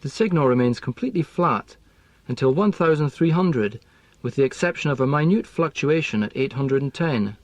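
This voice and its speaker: A man explaining language teaching in a scripted lesson, speaking in a measured, precise way. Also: medium pitch, expressive, a little mellow, no echo.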